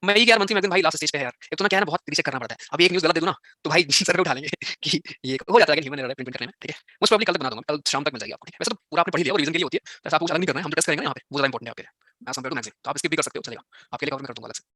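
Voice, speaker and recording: Male teacher, very fast speech, bright sharp voice, dry close sound, teasing and scolding. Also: fairly high pitch, no echo. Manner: teasing, scolds students by turns. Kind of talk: live online exam-prep class.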